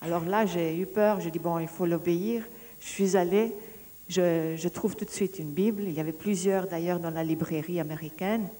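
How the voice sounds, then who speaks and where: A woman giving a personal testimony, telling her story in a lively way and often restarting her sentences as she searches for words. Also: lowish voice, moderate pace. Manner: lively storytelling, acting out the dialogue she recounts.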